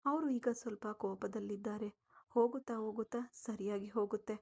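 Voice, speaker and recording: A woman voicing an earnest, aging father coaxing his daughter, with a dark, husky tone. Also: mid-range voice, fairly even intonation, a little fast. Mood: persuading. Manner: earnest, persuading.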